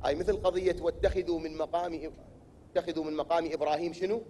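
High-voiced Iraqi preacher. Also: male voice, flat delivery, fast talker, a little hiss or hum. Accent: Iraqi Arabic. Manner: poses rhetorical questions and answers them himself; builds to loud emphatic declaiming. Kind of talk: religious sermon.

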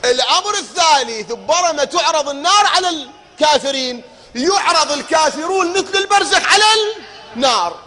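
High bright Iraqi preacher in a hall. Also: male voice, lively intonation. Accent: Iraqi Arabic. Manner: rhetorical questions, chants verses slowly, bursts into shouting. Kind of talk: religious lecture to an audience. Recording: long reverb of a hall.

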